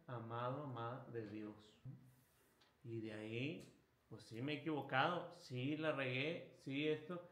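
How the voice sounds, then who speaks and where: A priest leads a retreat talk with a fairly high voice, slipping into little acted-out inner voices and laughing at his own jokes. The room gives his voice a noticeable echo. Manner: animated, acts out inner voices, chuckles at himself.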